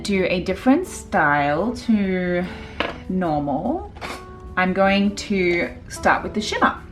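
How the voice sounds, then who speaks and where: A woman, a makeup artist chatting casually through a tutorial with lots of fillers. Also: fairly low pitch. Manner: chatty, filler-heavy, relaxed.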